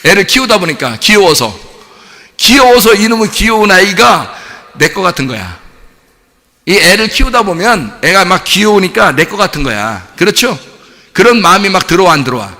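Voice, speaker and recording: Animated male pastor with a bright voice. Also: sits high, moderate pace. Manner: animated, asks the congregation rhetorical questions; colloquial storytelling with vivid examples. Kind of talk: sermon. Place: church sanctuary. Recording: long church hall reverb.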